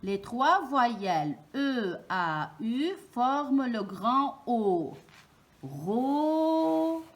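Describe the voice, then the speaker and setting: A woman teacher gives a reading lesson to young children. She speaks very slowly and stresses each sound with care. Her voice sits fairly high and rises and falls a great deal. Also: very animated. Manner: slow, clearly articulated, stressing each sound.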